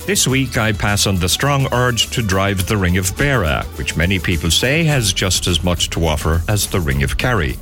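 A man's voice: deep voice, animated, normal speed, few pauses, a bit bright, faint music behind. A man from Ireland with a West Cork accent, presenting a radio programme in scripted narration. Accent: Irish, West Cork. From Castletownbere, West Cork, Ireland.

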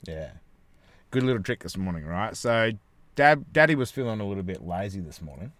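A man's voice: fairly low pitch, sing-song, fairly quick, a bit bright, dry recording. An Australian man hosting a podcast, telling stories and bantering casually in a cheeky, sweary way. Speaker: podcast host.

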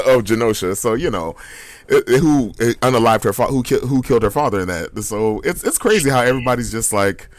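A man co-hosting a podcast, chatting casually about comics and reacting with animated, high-pitched disbelief. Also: a little fast, no room sound. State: hiccups. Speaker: podcast co-host. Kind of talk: casual comic book chat.

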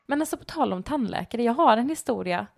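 A fairly high-voiced woman chatting as a podcast co-host. She tells stories with animated energy and often bursts into shrieking laughter. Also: creaky. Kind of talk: casual chat.

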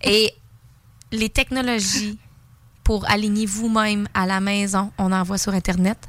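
A woman's voice: mid-range voice, little pitch movement, unhurried, fairly bright tone, dry recording. A woman with a Quebec French accent, a dental hygienist on a radio show, insistently urging listeners. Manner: earnest, insistent warnings. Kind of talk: casual radio chat.

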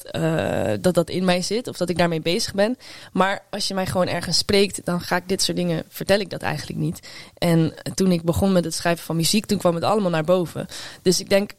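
Een vrouwelijke popartiest die als gast in een podcast levendig en met veel stopwoordjes over haar muziek vertelt. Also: female voice, fairly low pitch, no echo, studio quality. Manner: energetic, chatty, many fillers. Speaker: guest musician. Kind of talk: podcast interview. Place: studio at a table.

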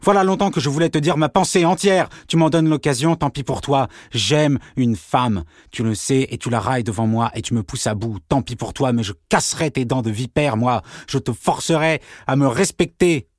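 A man's voice: mid-range voice, normal speed, few pauses, no echo, clean studio sound, close to an everyday voice. A man voicing a jealous young man who accuses in a heated, raised voice. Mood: furious.

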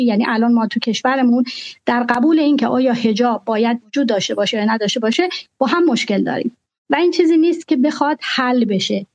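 A woman guest in a discussion, stating her views earnestly and in a measured way, and repeating her points. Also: fairly high pitch, darkish tone, highs cut off. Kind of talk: discussion with a host.

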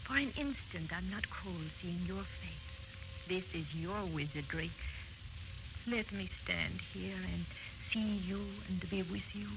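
An actress playing a wistful, lonely young ghostly woman in a 1950s radio drama, speaking slow and hushed, heard on a noisy old radio broadcast. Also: on the low side, gravelly. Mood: tender.

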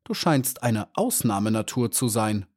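A man's voice: lowish voice, very animated, unhurried, a little mellow, breathy edge, heavily acted. Man voicing stern sighing old bee Cassandra. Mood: lecturing. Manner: scolding, sighing, lecturing. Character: stern fussy old female worker bee.

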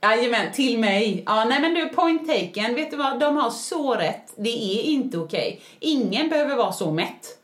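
A woman's voice: fairly high pitch, expressive, hardly any pauses, echoey room. A woman co-hosting a podcast in casual chat, chatty and self-mocking, laughing often. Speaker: podcast co-host.

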